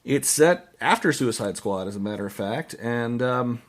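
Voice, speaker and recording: A man hosting a podcast, giving casual movie reviews in a halting way, often restarting and trailing off mid-phrase. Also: mid-range voice, expressive. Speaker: podcast host.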